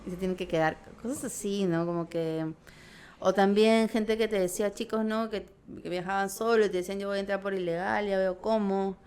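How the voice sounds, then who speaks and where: A woman's voice: mid-range voice, fairly even intonation, brisk, a little mellow, clean tone. A woman with a Peruvian accent, talking casually as an interview guest, rambling with many tag questions and restarts. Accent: Peruvian Spanish. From Peru. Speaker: documentary filmmaker guest.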